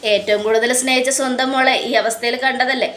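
Kiran, a young man who taunts his old enemy with sarcasm and cold accusations, read by a woman in a fairly high voice. His tone stays biting and scornful. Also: fairly even intonation, quick pace, a bit bright, slight background noise. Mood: mocking. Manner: mocking, accusing. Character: young man, vengeful and sarcastic toward villain.

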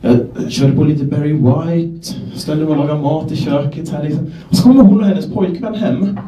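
A young stand-up comedian from Gävle, Sweden, with a slightly high voice, performs a set on a comedy club stage. He tells self-deprecating stories deadpan and acts out the people in them. The echoey club room leaves his voice sounding distant.

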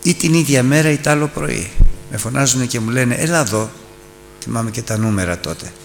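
A man preaching and teaching a Bible lesson. He tells stories and slows down and rises for emphasis. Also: mid-range voice, gravelly. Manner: storytelling, slowing down and rising for emphasis. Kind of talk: sermon. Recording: reverberant hall with faint hum.

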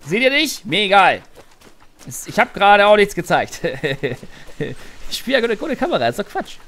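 A man's voice: high-pitched, very animated, a little fast, a bit bright. A man narrating his game in a joking, rambling way with mock anger, as a let's play host. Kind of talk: gaming commentary.

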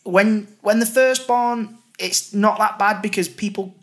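A man's voice: high voice, a little slow, fairly bright tone. A man in his late twenties, co-hosting a podcast in casual chat, telling rambling stories that stop and restart. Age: late 20s. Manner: rambling, self-interrupting storyteller. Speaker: podcast co-host.

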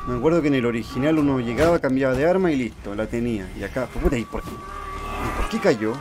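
A man casually commenting on his own video game playthrough, excitable and quick to yell in panic when things go wrong. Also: mid-range voice, noisy background. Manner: excitable, yells in panic during fights, talks to the character. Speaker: gameplay commentator. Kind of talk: casual let's-play commentary.

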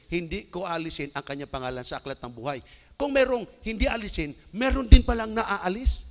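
A man from the Philippines preaching a sermon as an evangelist, telling stories with sudden shouted bursts. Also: high voice. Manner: animated storytelling with bursts of shouting. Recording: long hall reverb.

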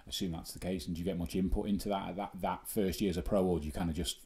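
A male interviewer speaks quickly in a low voice. He asks questions in a casual, conversational way, rephrasing himself as he goes. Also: steady tone, mellow. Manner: loosely phrased, self-interrupting questions. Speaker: interviewer, podcast host.

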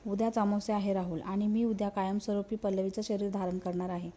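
A woman's voice: mid-range voice, little pitch movement, fast talker, dark tone, natural voice. A woman voicing a vengeful, possessive female ghost, by turns menacing and mournful, in a storybook reading. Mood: gloating.

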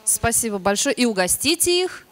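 A woman moderating a press conference, brisk and playful as she passes questions to the crew. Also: fairly high pitch, very animated, a bit bright.

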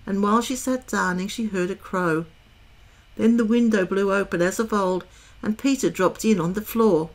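A woman reading a children's novel aloud in a calm, measured way. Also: medium pitch. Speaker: storyteller.

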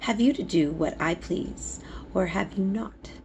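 A woman's voice: mid-range voice, unhurried, darkish tone, a little hiss or hum, lightly acted. A woman voicing an imperious young invalid boy with a commanding, grand manner in a storybook reading.

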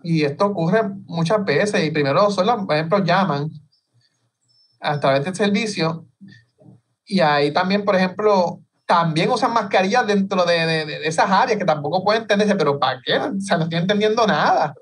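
A man's voice: high voice, normal speed, a bit bright. A middle-aged man from Puerto Rico, an interview guest, explaining earnestly with frequent restarts over a video call. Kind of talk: interview conversation. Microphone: video call from home. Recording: distant video call audio.

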